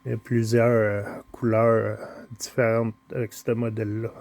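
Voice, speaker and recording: Un homme à l'accent québécois présente sa collection de petites voitures dans un vlog décontracté, en parlant avec hésitation et de nombreuses pauses. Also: male voice, fairly low pitch, little pitch movement, gravelly, a little mellow. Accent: Quebec French. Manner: slow, hesitant, full of pauses and filler sounds. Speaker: toy car collector showing his collection. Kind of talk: casual unboxing vlog.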